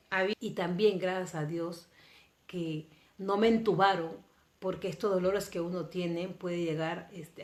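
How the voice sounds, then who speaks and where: A woman from Peru, telling a personal story to camera in an earnest, emotional way, her volume swinging between soft and intense. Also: mid-range voice. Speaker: vlogger. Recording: roomy echoing room.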